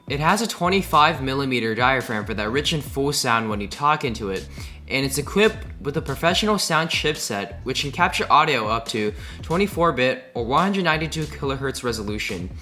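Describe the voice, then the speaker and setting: A man's voice: medium pitch, animated, brisk, bright, forceful tone. A man giving a scripted, upbeat product review into a desk microphone. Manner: upbeat, enthusiastic. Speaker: tech reviewer. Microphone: desk USB condenser mic. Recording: roomy echo, faint music.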